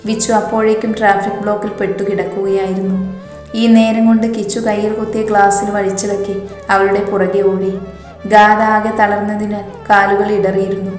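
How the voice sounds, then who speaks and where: A woman's voice: mid-range voice, normal speed. Woman narrating a story in an echoey room. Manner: even, storytelling. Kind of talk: scripted romance story narration. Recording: roomy reverb, faint music.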